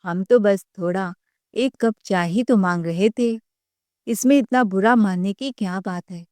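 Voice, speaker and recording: Pampered young wife, haughty, sulky, middle pitch, dry sound, as a woman narrator puts her on. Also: measured pace, darkish tone, no echo, natural voice.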